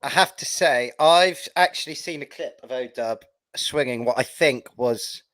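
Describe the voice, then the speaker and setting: A man's voice: mid-range voice, a little slow, a bit bright, no room sound. A man, co-hosting a casual podcast chat in an upbeat, cheerful way. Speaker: podcast co-host.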